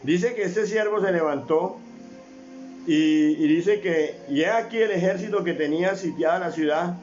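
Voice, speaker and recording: A man's voice: sits high, normal speed, a little mellow, muffled recording, faint music behind. A man preaching a sermon as a pastor, often calling on his brothers, asking rhetorical questions and repeating phrases.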